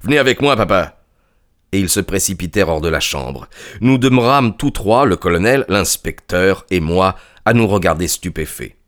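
Low-voiced man reading a mystery aloud. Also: lively intonation, moderate pace. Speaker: audiobook reader. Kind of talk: literary audiobook narration.

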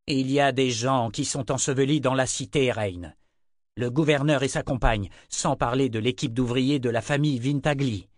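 A blunt, impatient grown man who speaks without softening anything, read by a male narrator. His voice sits at a middle pitch and stays close to the reader's own. The sound is dry and close. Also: normal speed, no room sound, close to an everyday voice. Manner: blunt, exasperated.

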